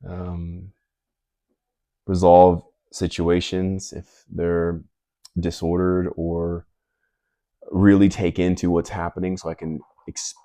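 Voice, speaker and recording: A man's voice: deep voice, level tone, takes it slowly, pauses often, warm tone, dry recording, studio quality. A man hosting a casual chat, musing loosely about life with lots of fillers. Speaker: host.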